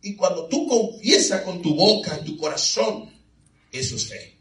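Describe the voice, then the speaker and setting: A man preaching a sermon in a church, animated and calling on the congregation for answers. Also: sits high, normal speed. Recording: echoey hall, mic far off.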